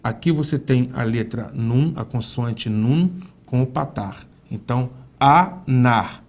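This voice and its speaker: A man teaching a recorded Hebrew lesson, speaking slowly, repeating words for the student to echo and asking the student questions. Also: mid-range voice, warm tone.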